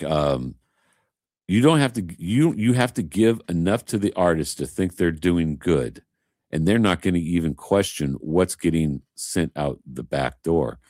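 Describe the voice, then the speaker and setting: A man's voice: low-pitched, a little mellow, no room sound, studio quality. A man chatting casually as a host, an emphatic, rambling storyteller. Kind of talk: casual chat.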